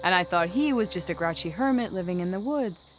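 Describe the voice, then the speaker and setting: In a video game cutscene, an actress voices a proud young female hunter with a fairly low, natural voice, lively intonation and a fairly quick pace. She sounds earnest and wistful, breaking into spirited outbursts over a game music score.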